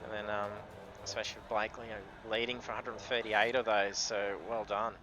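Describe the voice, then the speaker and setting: A man's voice: on the low side, level tone, fairly quick. An Australian man working as a race commentator and interviewer on a live sim racing broadcast. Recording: clear car noise behind. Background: vehicle noise.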